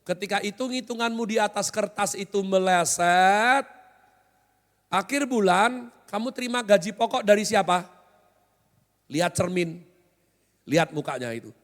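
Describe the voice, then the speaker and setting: Male pastor, high voice, joking conversational sermon with questions to the room, long hall echo. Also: normal speed, pauses often, fairly bright tone. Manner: joking, conversational, often quizzes the congregation. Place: large hotel hall used as church.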